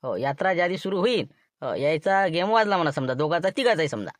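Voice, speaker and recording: A man's voice: a little high, lively intonation, fast, no room sound, clean studio sound, natural voice. A man with a Varhadi Marathi accent playing a boastful schemer in a comic sketch, rambling about his plans. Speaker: scheming villager in a comedy skit.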